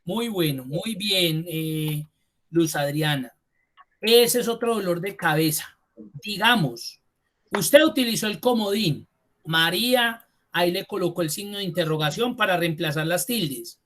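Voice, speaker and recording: A man teaching a spreadsheet class online. He repeats key terms slowly for emphasis and speaks to the students directly and informally. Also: high-pitched, fairly bright tone. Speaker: computer course instructor.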